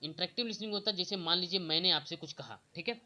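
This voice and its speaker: A young man teaching exam prep, explaining questions step by step and slowly reading out the answer options. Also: high-pitched, pushed and bright. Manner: repeats "okay" often, reads options slowly.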